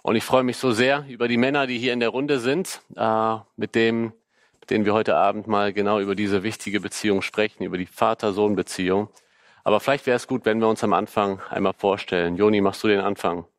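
Low-voiced host guy, dry close sound, lots of wow and super. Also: fairly even intonation, fairly quick, no room sound. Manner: friendly, encouraging interjections. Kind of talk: hosting a panel talk.

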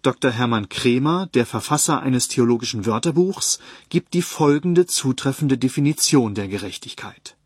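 Ein Mann, der ruhig und gemessen eine Predigt vorliest und dabei Bibelstellen angibt. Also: male voice, mid-range voice, slightly rough, dry recording, clean studio sound. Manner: calm, measured, citing verses. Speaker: Bible teacher. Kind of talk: read sermon on a Bible text.

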